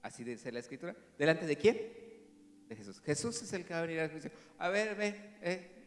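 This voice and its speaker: A man, a pastor preaching an animated sermon that swings from loud to hushed. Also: fairly high pitch, fast talker, big-room sound. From Mexico. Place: church hall.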